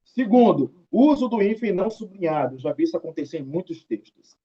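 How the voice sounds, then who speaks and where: Very animated and brisk, with a breathy edge to his high voice, a Brazilian man leads a writing lesson on a muffled recording. Speaking with a Brazilian Portuguese accent, he chats his way through examples, stretching out tag questions and gently scolding the students.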